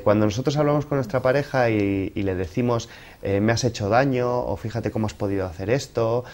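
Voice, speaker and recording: Low-voiced man explaining as a guest expert. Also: darkish tone. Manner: didactic, explains through examples. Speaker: expert guest giving relationship advice. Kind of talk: explanatory interview talk.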